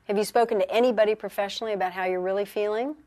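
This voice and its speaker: An actress playing a senior female physician who speaks in a calm, concerned, directive way. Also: medium pitch, very fast, lightly acted. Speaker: supervising physician.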